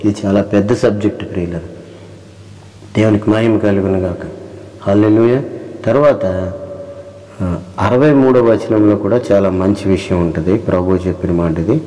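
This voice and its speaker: A man preaches a sermon with a low, mellow voice. He reads scripture slowly, repeats phrases and keeps asking rhetorical questions. His voice carries a long reverb.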